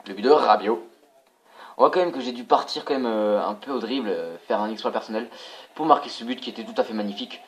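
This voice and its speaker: Young guy narrating his footy game for his channel, gets hyped, curses a lot, chats to the viewers. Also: fairly low pitch. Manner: excitable, casual, swears, talks to viewers as "les gars". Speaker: gaming channel host. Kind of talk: live commentary over a football video game.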